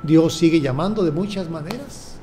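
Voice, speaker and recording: With a warm, slightly high voice, an older bishop with a Mexican Spanish accent preaches slowly and deliberately, going back over his phrases. Slight background noise can be heard.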